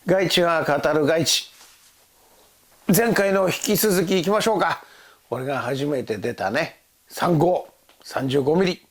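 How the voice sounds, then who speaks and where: A man's voice: fairly high pitch, unhurried, long pauses. An older man, an actor, telling stories from a film shoot in a rambling, casual monologue, often laughing and quoting other people. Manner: rambling storytelling with laughs and quoted voices.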